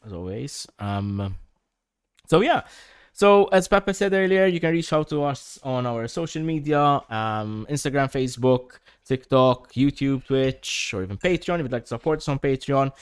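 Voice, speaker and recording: A man's voice: medium pitch, expressive, normal speed, clean tone, no room sound. A man co-hosting a casual podcast from a home studio, talking with dry, wry humor and many fillers. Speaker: podcast co-host. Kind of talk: casual chat.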